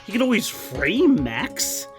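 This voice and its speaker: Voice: mid-range voice, big pitch swings, takes it slowly. A streamer giving casual, sardonic, sweary commentary while playing and reading out a video game. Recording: game music behind the voice.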